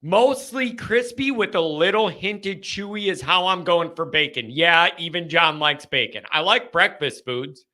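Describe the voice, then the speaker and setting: A young man hosting a live sports call-in stream, ranting casually with animated, exasperated mock outrage. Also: on the high side, a little slow, few pauses. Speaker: host of a sports call-in show.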